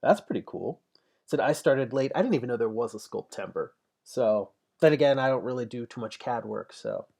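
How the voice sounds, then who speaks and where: A man in his forties with a gravelly, creaky edge to his voice, talking casually while he works. He thinks out loud as he goes and chats back to viewers between strokes. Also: medium pitch, lively intonation, normal speed. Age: 40s. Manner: thinks aloud, chatty, answers viewer comments. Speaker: digital painter streaming his work. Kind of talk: casual livestream talk while painting.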